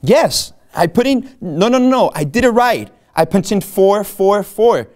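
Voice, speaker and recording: At a screenplay table read, a man plays an eager, cocky but jittery rookie realtor, speaking conversationally and a little haltingly in a panicked mood. His voice sits high, sounding expressive and slightly mellow.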